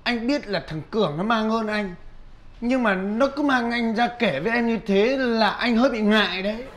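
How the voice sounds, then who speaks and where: Brief: man as a loud, bragging young laborer, high voice. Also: moderate pace. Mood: boastful. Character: boastful broke male laborer, young adult.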